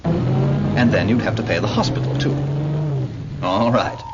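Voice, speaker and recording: A British man narrates a 1940s public information cartoon, addressing a character in a patient, explanatory way in scripted film narration. His medium-pitched voice is sing-song with vocal fry, and he speaks a little slowly. It's a dull 1940s film soundtrack with music.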